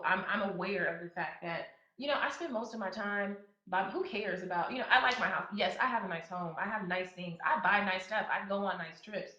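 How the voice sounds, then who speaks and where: Her medium-pitched voice has a sharp tone. She's a thirtysomething woman hosting a podcast, chatting casually with fillers and restarts and growing emphatic whenever she gives advice, all in an echoey, slightly dull recording.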